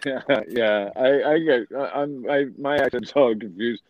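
A man from Massachusetts with a New England accent, telling loud stories as a podcast guest, swearing and laughing often. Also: medium pitch, measured pace, highs cut off. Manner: profane, laughing storyteller. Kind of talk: casual chat.

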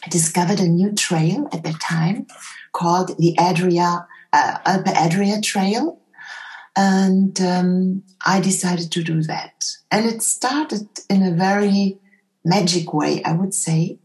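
A woman who speaks English as a second language, telling a personal story reflectively in conversation as an interview guest, with hesitant pauses between short phrases. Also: lowish voice, a little mellow, poor audio. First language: not English.

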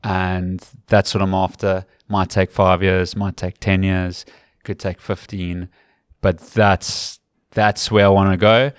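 A man's voice: sits low, level tone, slow, clear, resonant tone, no echo, studio quality. A man from Africa, a rugby commentator and guest telling stories earnestly in a casual interview. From South Africa. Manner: earnest, explanatory storytelling.

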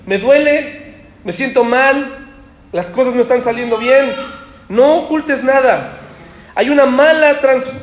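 A man preaches to his congregation in an easy, conversational way and keeps throwing rhetorical questions at them. His voice sits unusually high. The recording rings with a lot of room echo. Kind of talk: sermon.

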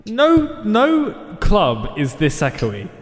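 Guy messing about, voice drenched in cave echo, kinda high-pitched. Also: wildly swooping pitch, drawn-out words. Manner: goofing around, half-singing snippets, swearing casually. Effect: heavy cave-like echo effect on the voice. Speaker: podcast co-host. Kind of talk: casual podcast chat.

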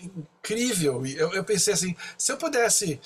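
A Brazilian man with a Brazilian Portuguese accent, a percussionist guest excitedly telling stories in a podcast interview, full of slangy asides. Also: high-pitched, moderate pace, a little hiss or hum.

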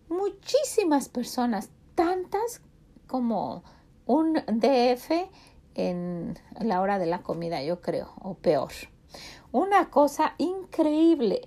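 A middle-aged woman with a Mexican Spanish accent delivers a devotional sermon in a warm, mellow voice. She speaks earnestly to the listener, pressing them with direct rhetorical questions. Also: on the high side.

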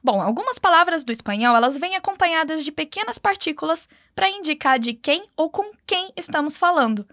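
Woman language teacher, bright high voice, dry studio sound, patient and encouraging. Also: animated, fairly quick, hardly any pauses, dry recording. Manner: patient, encouraging, models phrases for repetition. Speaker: Spanish teacher. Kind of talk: language lesson narration.

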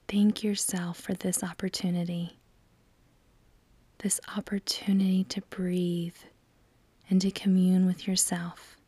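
In a hushed, breathy near-whisper, a woman talks listeners through a meditation at a very slow, calm pace, leaving long gaps between phrases. Her pitch hardly moves, staying level and mellow, and there is no echo.

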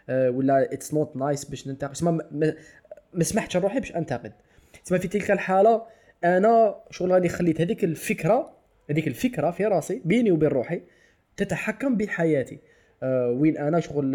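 A man talking quickly in a relaxed, mellow voice. He thinks out loud on a casual podcast, pausing on long "aah"s and slipping into English and French words. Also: on the high side. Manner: thinks aloud, stretches "aah" between ideas, mixes in English and French. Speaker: podcast co-host.

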